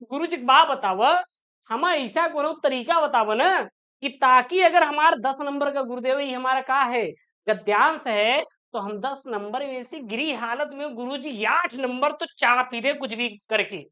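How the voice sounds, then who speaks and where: Brief: pleading rustic schoolboy type, smooth clear voice, a bit high, played by a male teacher, lo-fi sound. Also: unhurried, bright, forceful tone, exaggerated voice.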